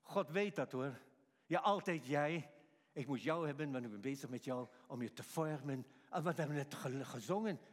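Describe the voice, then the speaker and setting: A man preaching a sermon to a congregation, animated, acting out quotes and chuckling between lines. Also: mid-range voice, normal speed. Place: church. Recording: long reverb of a church hall.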